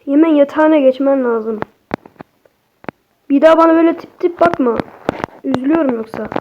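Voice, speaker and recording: Excitable high-voiced woman streamer. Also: fairly quick, lo-fi sound, noisy background. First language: Turkish. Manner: excitable, talks to viewers, swears at the game. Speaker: gaming streamer. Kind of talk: casual horror game commentary.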